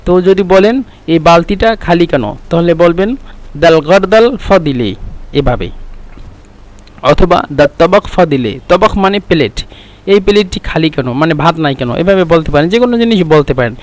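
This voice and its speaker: Man teaching a lesson, kinda high voice, talks casual, repeats words slow for practice. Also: expressive. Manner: explains patiently, repeats phrases slowly to drill pronunciation; conversational, chatty teaching tone. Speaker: Arabic language teacher.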